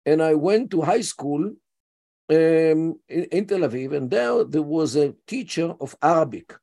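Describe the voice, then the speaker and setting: A slightly high, mellow voice belongs to an Israeli-accented scholar in his seventies appearing as an interview guest. Though he falters with frequent fillers, he speaks with emphasis.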